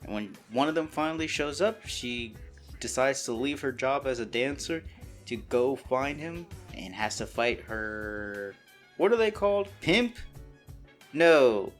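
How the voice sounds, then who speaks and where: A young man at an ordinary middle pitch, talking loosely and profanely as he plays through a story game with friends. He reads out the characters' lines and jokes about them, with faint music playing underneath. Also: expressive, unhurried. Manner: joking, profane, voices game dialogue. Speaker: game streamer. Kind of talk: casual game chat with friends.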